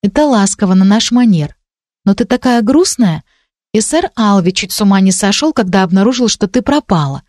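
A woman voicing a gentle, earnest young girl in an audiobook, speaking soft and high. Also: animated, moderate pace, no echo, studio quality, close to an everyday voice.

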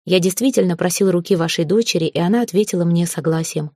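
A woman reading an audiobook, voicing a calm, polite young man who speaks in a composed, formal way. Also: lowish voice, quick pace, no echo, clean studio sound.

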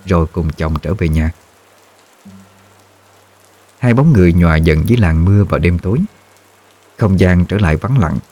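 A man reads a ghost story aloud in a measured, somber voice. His voice is very low and deep, and he keeps a steady storytelling pace. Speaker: narrator. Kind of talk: scripted horror story narration.

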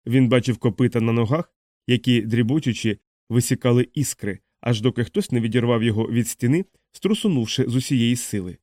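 A man with a mid-range voice reads an audiobook in a steady, expressive storytelling manner. He is recorded close on the mic, with a dry, dead sound. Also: medium pitch, a little fast, no room sound. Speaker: narrator. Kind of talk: audiobook reading.

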